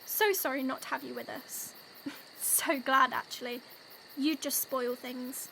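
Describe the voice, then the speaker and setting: A woman's voice: high voice, fairly even intonation, a little slow, creaky, sharp tone, a little hiss or hum, heavily acted. A young actress voicing a spiteful, snobbish twin girl in an audio play, taunting and sneering. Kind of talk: youth theatre audio play.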